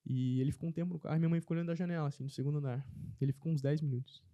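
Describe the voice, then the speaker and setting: A man telling a personal faith testimony as a podcast guest in casual chat, earnest and animated. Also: a little high, very fast, no room sound.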